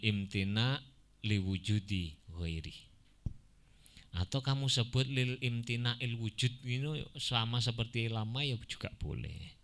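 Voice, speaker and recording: A man teaching an Arabic grammar lesson, explaining slowly, chanting Quranic examples and slipping into asides. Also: fairly low pitch, sharp tone. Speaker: religious teacher.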